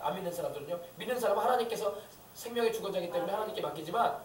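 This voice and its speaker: High-pitched guy preaching fast and fired up, echoey church, mic kinda far off, faint room hum. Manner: fervent, emphatic preaching with rhetorical questions. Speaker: pastor. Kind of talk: sermon. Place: church sanctuary.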